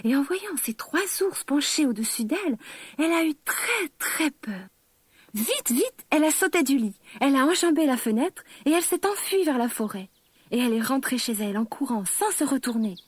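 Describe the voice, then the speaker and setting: A woman narrating a children's fairy tale in a gentle, expressive way. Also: sits high, a little fast, no echo. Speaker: storyteller.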